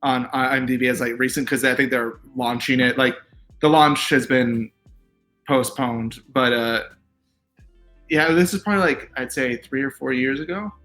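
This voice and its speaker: A man with a bright, forceful voice chats about his work in a loose, easygoing way. He rambles, leaning on "like" and "um" as he goes. Faint music sits quietly behind him. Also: mid-range voice, moderate pace. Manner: relaxed, rambling, many fillers and "like"s. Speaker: TV writer guest. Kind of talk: casual interview chat.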